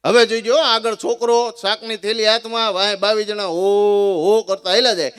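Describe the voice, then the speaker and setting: A man with a Kathiawadi Gujarati accent telling comic folk stories live, animated, often addressing his listeners as sir. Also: high voice, fairly quick, clear, resonant tone. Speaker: folk storyteller and schoolteacher.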